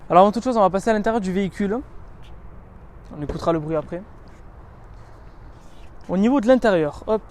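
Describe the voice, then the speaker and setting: A man with a fairly high voice walks around a car and presents it in a relaxed, chatty way. He lists feature after feature, linking them with fillers, and leans eagerly into the parts he likes. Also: fast talker, long pauses. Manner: chatty and descriptive, listing features with many connecting "donc"s and "euh"s. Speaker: car reviewer. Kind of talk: casual walkaround presentation of a car.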